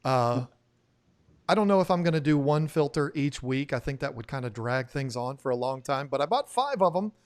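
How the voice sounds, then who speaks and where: Male live-stream host, fairly high voice, loose and rambling, laughs easily. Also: lively intonation, fairly quick, few pauses. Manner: rambling, laughs often, trails off mid-sentence. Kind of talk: casual live-stream chat. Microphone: new studio microphone.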